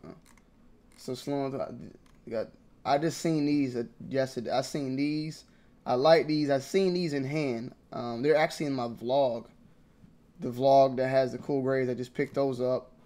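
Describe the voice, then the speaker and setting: A young man vlogging about sneakers in slangy, repetitive casual talk that swings between mumbling and loud outbursts. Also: medium pitch, fairly even intonation, unhurried. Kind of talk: casual ranting commentary.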